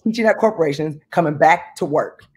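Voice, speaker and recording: A woman in her thirties on a video call from home, talking in an animated, emphatic way about money and business. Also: sits low, brisk, slightly rough. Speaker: guest, business owner. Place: home room indoors. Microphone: video call webcam.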